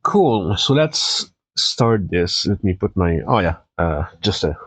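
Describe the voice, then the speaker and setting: A man's voice: deep voice, sing-song, slow pace, a bit bright, husky, no room sound. A tired, congested man chatting casually as a live-stream host, rambling easygoing with fillers and restarts. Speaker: Twitch streamer.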